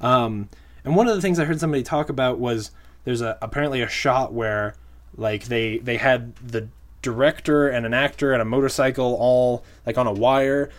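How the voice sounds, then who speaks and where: A man co-hosting a podcast, chatting casually about movies in a relaxed, agreeable way with frequent fillers. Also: mid-range voice, moderate pace. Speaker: podcast co-host.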